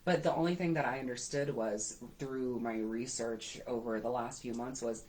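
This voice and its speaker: A woman's voice: extremely low pitch, moderate pace, rough recording. Woman host recounting candidly. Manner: animated, quotes others in passing. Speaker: host and business owner. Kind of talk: candid conversational storytelling.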